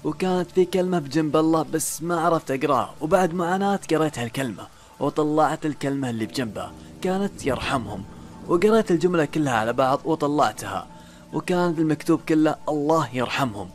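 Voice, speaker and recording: A man narrating a first-person horror story, building suspense with dramatic pauses and questions to himself. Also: on the high side, expressive. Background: faint background music.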